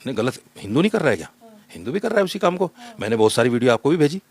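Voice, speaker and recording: A man of medium pitch, a guest in a heated televised debate, talking fast and insistently. He stacks up his points one after another and hammers each one home. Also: sing-song, darkish tone, breathy edge. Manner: insistent, argumentative, lists points emphatically.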